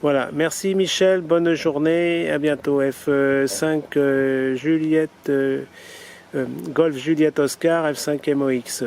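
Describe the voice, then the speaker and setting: A man with a fairly high, steady, slightly dark voice talks slowly and casually over amateur radio, hesitating, repeating himself, and often tacking little tags onto his phrases. He's outdoors near a road or vehicle, and the recording is noisy with traffic.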